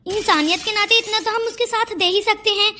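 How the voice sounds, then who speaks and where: A woman's voice: extremely high pitch, steady tone, fairly quick, bright, forceful tone, slight background noise. A woman voicing a kind young man who pleads with his mother in a cartoon story. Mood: pleading. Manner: pleading, explaining. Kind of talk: cartoon voice acting.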